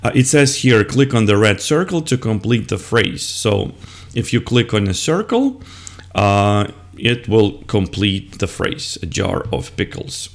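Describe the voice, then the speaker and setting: An older man with a low voice walks fellow teachers through a lesson on screen. He speaks slowly and deliberately, modelling each word and answer as he clicks through the slides. The recording is close and plain, from his desk. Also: very animated, creaky. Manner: explaining steps to other teachers, modelling words and answers. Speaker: English teacher. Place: indoors at a computer.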